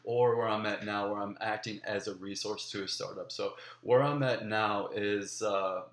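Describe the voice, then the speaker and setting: Young guy pitching himself, lowish flat voice, lots of ums, echoey room. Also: moderate pace. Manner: earnest, many ums and restarts. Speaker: graduate student applicant. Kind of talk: video application pitch.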